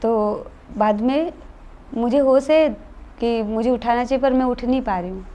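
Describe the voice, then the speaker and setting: A woman's voice: on the high side, unhurried, warm tone. A woman telling an interviewer about something that happened to her, in an earnest, matter-of-fact conversational way. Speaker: guest telling a true experience. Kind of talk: casual interview storytelling.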